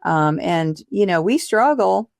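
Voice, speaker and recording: A woman's voice: medium pitch, expressive, takes it slowly, creaky, dry recording, studio quality. A woman hosting a podcast interview, chatty and encouraging, laughing easily. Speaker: podcast host. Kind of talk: casual interview chat.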